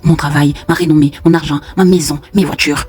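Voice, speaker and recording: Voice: medium pitch, steady tone, brisk, a little mellow, husky, faint music behind, lightly acted. A storyteller voicing a vain, cruel, unfaithful husband who talks in a mocking, boastful way. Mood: scornful.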